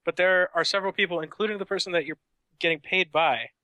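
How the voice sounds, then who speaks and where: A young man running a tabletop game, his voice bright, crisp and a little high. He narrates casually with fillers and laughs, and the recording is dry. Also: quick pace, dry recording. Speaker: game master.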